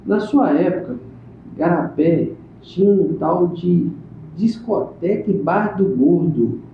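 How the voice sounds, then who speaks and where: A chatty male interviewer with a notably high voice keeps prompting his guest with questions. The sound is thin and phone-like, drenched in echo, with faint background hiss. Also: slow, gravelly. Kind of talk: casual interview chat. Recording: echoey room on a tinny phone-like line.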